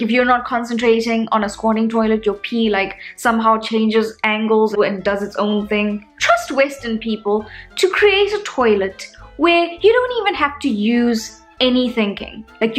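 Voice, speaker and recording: Animated South African woman vlogging. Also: a little high. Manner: animated, sarcastic storytelling. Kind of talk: casual comedic vlog monologue.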